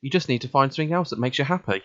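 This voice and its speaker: Racing through visual novel narration and dialogue, a man voices the protagonist for a let's play in an animated, medium-pitched voice with a fairly bright tone. His delivery stays casual and conversational, though the recording sounds a little dull and lo-fi.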